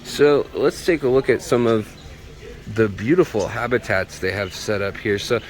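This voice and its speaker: Walking around inside a pet shop, a man hosts a casual, chatty vlog tour for his viewers, his voice a bit muffled by a face mask. He speaks at a normal speed in a lowish register, with clear store ambience in the background.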